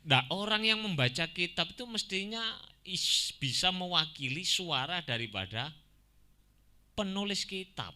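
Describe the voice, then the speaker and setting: Slow, bright-voiced religious teacher. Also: male voice, a little high. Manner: slow and explanatory, chanting Quranic examples, slipping into Javanese. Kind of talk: Arabic grammar lesson.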